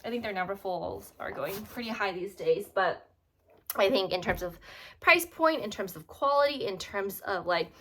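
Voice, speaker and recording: A woman's voice: mid-range voice, bright, forceful tone. A woman vlogger giving a casual product review, chatty and friendly with many fillers, sounding slightly out of breath.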